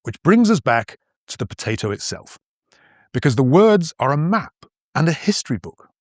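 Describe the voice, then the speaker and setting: A language teacher who hosts a podcast reads scripted educational narration with playful, explanatory liveliness, his pitch roaming freely at a moderate pace. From northern England, he sounds mostly posh, though some northern vowels remain. The audio is close and dry without room sound.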